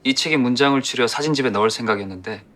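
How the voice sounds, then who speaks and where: A man's voice: medium pitch, rapid-fire, a bit bright, close to an everyday voice. An actor playing a composed young male publishing boss in a TV drama, clipped, polite and matter-of-fact. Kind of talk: Korean TV drama acting.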